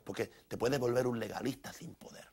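A man's voice: mid-range voice, brisk, darkish tone, breathy edge. A middle-aged man preaching a sermon as a pastor, emphatic, repeating his phrases and restarting often.

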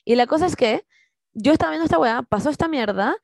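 Woman, Chilean accent, young adult, casual slangy chat, higher pitch, dry sound. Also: expressive, fast talker, creaky, no echo. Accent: Chilean Spanish. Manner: slangy, storytelling, acts out quotes.

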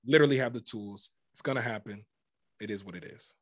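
A man's voice: fairly low pitch, quick pace, no room sound, studio quality. A man in his twenties, a guest minister, talking about faith in an impassioned, preacherly way with plenty of emphasis. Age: 20s. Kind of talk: casual faith conversation.

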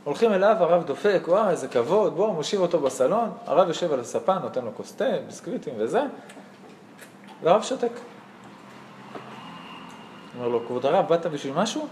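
A young man teaches a religious text through funny personal stories, his voice rising high and swinging widely. He plays out each character's line and laughs often. The room is echoey, with a faint noise underneath. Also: hardly any pauses. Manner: animated, acts out dialogue, laughs often. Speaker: Torah teacher. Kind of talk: lively storytelling lesson.

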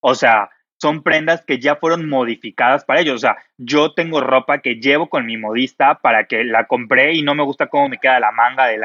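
A man, an image consultant chatting casually on a podcast, expressive and full of fillers. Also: mid-range voice, no room sound, lo-fi sound. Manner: expressive, uses many fillers like "o sea".

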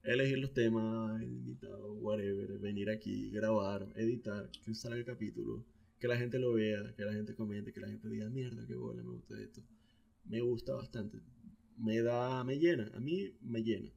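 A young adult man with a Venezuelan Spanish accent, co-hosting a podcast in a relaxed, slangy, rambling chat. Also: fairly low pitch, moderate pace, creaky, dull audio. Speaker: podcast co-host. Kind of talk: casual chat.

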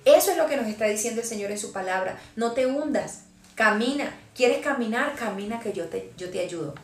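A woman with a slightly high voice and lively intonation preaches a sermon fervently, speaking a little fast and taking on the voice of the Lord in the quoted passages. The recording was made in an echoey room with music playing behind her.

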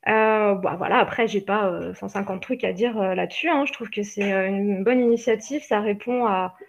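A woman co-hosting a casual live stream, relaxed and easygoing. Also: mid-range voice, normal speed, muffled recording. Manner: relaxed, easygoing, many fillers.

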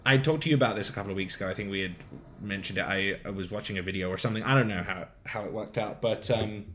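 A man co-hosting a casual podcast, telling stories in an animated way, with big swings in pitch and loudness. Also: very fast, slight background noise. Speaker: podcast co-host. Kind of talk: casual chat on a live podcast. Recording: roomy echo.

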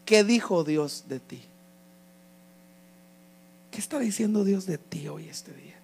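A man's voice: high-pitched, lively intonation, slow pace, vocal fry, husky. A man preaching a fervent sermon, declaiming and repeating phrases.

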